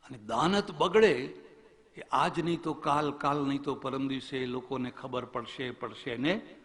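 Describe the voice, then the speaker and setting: A man's voice: medium pitch, unhurried, fairly bright tone, big-room sound. A man, a swami, giving a religious discourse as a storytelling preacher who asks rhetorical questions.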